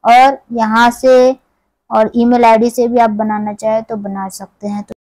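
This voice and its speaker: A woman's voice: fairly high pitch, flat delivery, a little slow, darkish tone, no echo, rough recording. A woman host from India walking viewers step by step through an app in a conversational tutorial voice-over. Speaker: tech tutorial channel host. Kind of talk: screen-recorded app tutorial.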